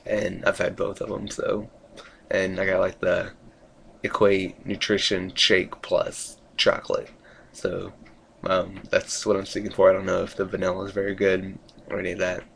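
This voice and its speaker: A man's voice: low-pitched, monotone, normal speed, creaky, a bit bright, slight background noise. A man talking casually in a video diary, rambling hesitantly and trailing off as he goes. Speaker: vlogger giving a recovery update.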